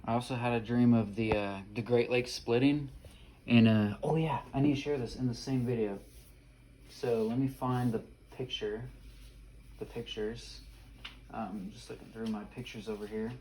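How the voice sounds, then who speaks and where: A man talks to camera in a loose, rambling way, stumbling over restarts and fillers while sounding earnest and sure of himself. His voice is dark and mellow, at an ordinary middle pitch. A faint hiss sits behind him. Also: fairly even intonation, moderate pace, poor audio. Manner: hesitant, many fillers and restarts; earnest, insistent. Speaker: vlogger recounting dreams. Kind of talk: casual rambling monologue.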